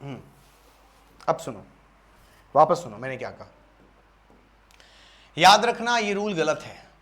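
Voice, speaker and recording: A man's voice: a little high, big pitch swings, takes it slowly, fairly bright tone. A young Indian man teaching an exam-prep English lesson. He repeats each point and keeps asking the class rhetorical questions.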